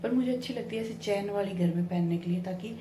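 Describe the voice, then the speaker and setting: A woman in her thirties with a Rajasthani Hindi accent chats casually with her viewers while doing chores around the house, whispering so she won't wake her sleeping husband. Her mid-range voice moves at a quick pace, and background noise is audible in this home vlog.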